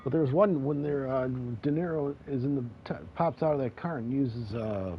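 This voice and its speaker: A man's voice: medium pitch, normal speed, muffled recording. A man streaming a racing game, rambling casually with many fillers and wry asides. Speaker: gaming streamer. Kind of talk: casual chat while racing. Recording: noisy game-stream audio.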